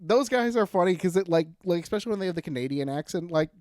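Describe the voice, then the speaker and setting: A man's voice: sits high, lively intonation, fast, darkish tone, no room sound, studio quality. Joking young man from Chicago. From Chicago area. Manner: loose and profane, jokey. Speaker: podcast co-host. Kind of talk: casual chat.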